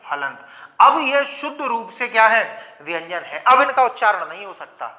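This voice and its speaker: Male teacher, high bright voice, lecturing, answers his own questions, sounds out letters one by one. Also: sing-song. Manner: asks questions and answers them himself, sounds out letters slowly. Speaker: Hindi grammar teacher. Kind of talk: classroom lecture.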